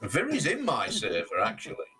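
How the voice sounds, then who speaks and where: A man's voice: medium pitch, wildly swooping pitch, normal speed, noisy background. A man joining a livestream's voice chat, confidently arguing a point and teasing the others. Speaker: voice chat guest. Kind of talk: casual group chat.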